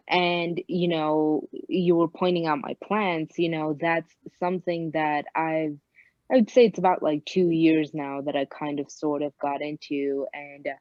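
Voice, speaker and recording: Low-voiced reflective woman, dry muffled sound. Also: dry recording. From Bangladesh, raised in New York City. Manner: reflective, hesitant with many fillers. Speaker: guest, actress. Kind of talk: podcast interview.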